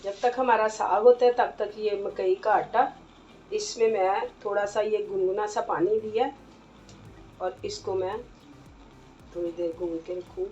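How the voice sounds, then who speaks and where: A woman's voice: medium pitch, steady tone, a little slow, a little mellow, highs cut off, a little hiss or hum. A woman hosting a cooking channel, giving homely step-by-step recipe instructions to her viewers. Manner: homely, explains each step plainly to viewers. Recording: far from the mic with faint music.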